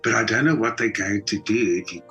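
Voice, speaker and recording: An actor and theatre designer from Johannesburg, South Africa, tells personal stories as an interview guest over a video call from home, indoors. His fairly low voice is brisk, bright and forceful, and he speaks emphatically, repeating words for effect, with soft music in the background.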